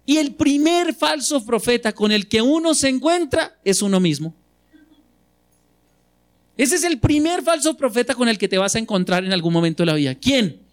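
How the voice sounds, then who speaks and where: A man preaching a sermon in a conversational way, often checking in with his listeners with quick questions. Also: very high-pitched, lively intonation. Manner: conversational, asks the audience frequent questions.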